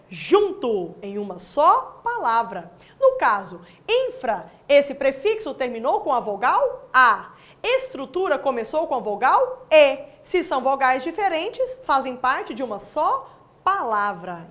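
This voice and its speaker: Lively high-voiced woman teaching. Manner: didactic, asks the viewer questions and answers them; friendly, uses tag questions. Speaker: Portuguese language teacher. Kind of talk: recorded distance-learning lesson.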